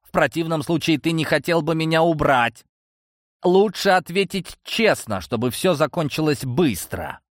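Male narrator voicing a cold, calm young heir, mocking and menacing, lively delivery. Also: fairly high pitch, normal speed, dry recording, studio quality, voice pushed up, lightly acted. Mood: icy.

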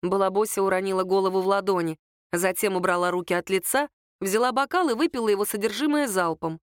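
A woman narrating a novel as an audiobook in an even, measured storytelling voice. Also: medium pitch, clear, resonant tone, no room sound, studio quality. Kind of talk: scripted narration.

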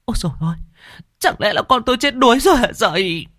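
A man voicing a distraught middle-aged village wife who sobs and pleads in a shrill, high voice. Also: animated, quick pace, fairly bright tone, no room sound, clean studio sound. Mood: wailing.

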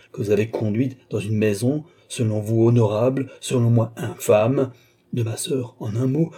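A man's voice: medium pitch, dark tone, slightly rough, natural voice. A man reading an audiobook, voicing an indignant, hot-headed young nobleman who accuses and raises his voice.

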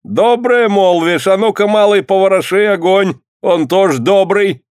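A man's voice: high voice, measured pace, darkish tone, smooth, dry recording, clean studio sound, pitched above the performer's own voice. A man voicing a cruel boyar who interrogates a prisoner, issuing commands in a sneering tone. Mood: mocking. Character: cruel stern male boyar interrogator, mocking.

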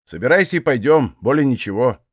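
A man voicing a talkative, grumbling older Cossack man with rough folksy speech. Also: mid-range voice, expressive, brisk, no echo, studio quality.

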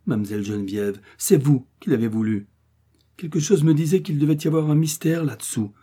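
A man's voice: fairly high pitch, brisk, dark tone, slightly rough, pitched above the performer's own voice. A man reading aloud as a humble young farmer who apologizes earnestly. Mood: apologetic.

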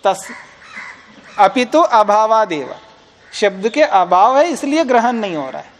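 A man teaching a class on a classical philosophy text. He reads Sanskrit lines slowly, explains them in plain terms, and asks the class questions that he then answers himself. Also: sits high, expressive, a little hiss or hum.

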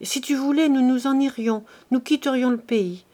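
A woman reader gives voice to a tearful thirteen-year-old girl in a storybook reading. The girl is frightened and ashamed, and her voice rises slightly higher and louder as she pleads. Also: normal speed, lightly acted. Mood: distressed. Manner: pleading and distressed.

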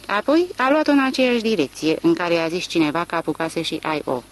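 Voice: mid-range voice, big pitch swings, lightly acted, rough recording. An audiobook reader voicing a farmer man who gossips in a matter-of-fact way.

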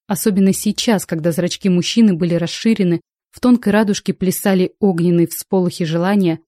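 Woman narrator, first-person novel, expressive, mellow tone, dry close recording. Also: fairly low pitch, dry recording. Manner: expressive storytelling. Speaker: audiobook narrator. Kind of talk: first-person fiction reading.

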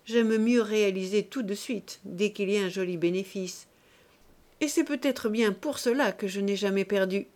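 A woman voicing a shrewd, unhurried male politician with a sly, matter-of-fact manner in an audiobook. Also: medium pitch, darkish tone, lightly acted. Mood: calm. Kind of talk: audiobook character voice.

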